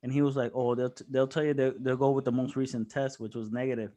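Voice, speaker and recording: A man's voice: medium pitch, fast talker, very noisy. A young man in casual podcast chat, telling a story with lots of swearing and laughter. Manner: animated storytelling, swears often, laughs a lot. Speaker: podcast co-host.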